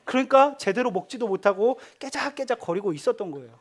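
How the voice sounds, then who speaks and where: High-voiced man preaching to teens. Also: fast talker. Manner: animated storytelling, drops to a hushed tender voice. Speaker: pastor. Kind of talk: sermon to teenagers.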